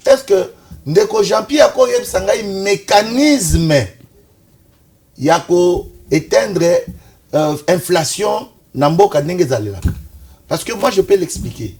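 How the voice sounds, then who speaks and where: A man's voice: high voice, sing-song, a little slow, a little mellow, breathy edge. A man from Kinshasa giving insistent political analysis in a talk-show debate. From Congo, Kinshasa. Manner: insistent, analytical, pushes back when interrupted. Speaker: political commentator.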